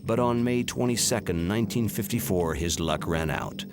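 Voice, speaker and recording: A man giving measured, solemn scripted narration for a documentary. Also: on the low side, background noise. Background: music.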